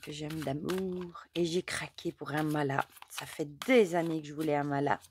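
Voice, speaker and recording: A hoarse mother, chatting in a rambling way as she hosts an oracle card reading. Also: low voice, fairly even intonation, moderate pace, darkish tone, a little hiss or hum. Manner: chatty and rambling, many fillers. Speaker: oracle card reader, channel host. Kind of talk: casual chat during a card reading.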